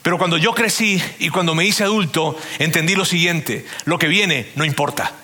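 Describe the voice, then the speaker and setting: A man's voice: on the high side, moderate pace, pushed and bright. A man who preaches a devotional talk, retells a Bible story and speaks straight to the listener with rhetorical questions. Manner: conversational, addresses listener directly, asks rhetorical questions.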